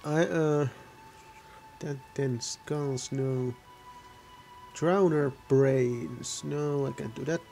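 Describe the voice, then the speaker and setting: Gravelly rambling gamer commentary, man. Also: medium pitch, steady tone, drawn-out words, dark tone, faint music behind. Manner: rambling, self-correcting, offhand. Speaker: gaming video host. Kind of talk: casual rambling gameplay commentary.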